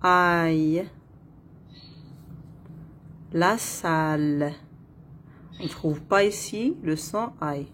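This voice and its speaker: A woman with an Arabic accent leads a French phonics lesson at a very slow, deliberate pace, repeating every word and breaking it into syllables. Her voice sits a little low. There is a faint hiss of noise behind her. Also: a bit bright. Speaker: French teacher.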